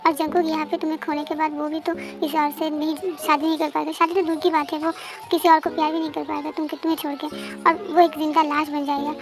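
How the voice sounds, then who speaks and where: A woman voicing a caring sibling who coaxes and pleads softly, over background music. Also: sits high, flat delivery, fast talker. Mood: pleading. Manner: soft, coaxing pleas.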